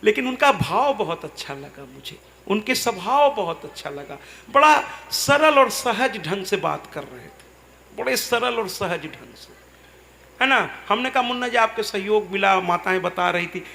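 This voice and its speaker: A man's voice: high-pitched, expressive, a little slow, vocal fry, a little hiss or hum. A male preacher giving a devotional discourse to a live audience, retelling a conversation and acting out both voices. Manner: softens to a gentle murmur when speaking to a child on stage. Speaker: katha preacher.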